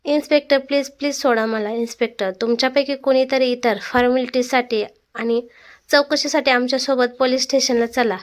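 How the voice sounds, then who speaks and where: A woman's voice: sits high, steady tone, brisk, natural voice. A woman voicing a young husband, blunt and self-justifying, in a read-aloud family story. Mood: pleading. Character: young husband, defensive then cornered.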